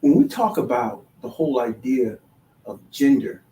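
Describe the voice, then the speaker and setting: A man hosting a solo talk show, halting with many restarts, then building to emphatic, sermon-like declarations. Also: medium pitch, very animated, warm tone. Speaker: podcast host. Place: DC, Maryland, Virginia area. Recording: echoey room, voice far from the mic.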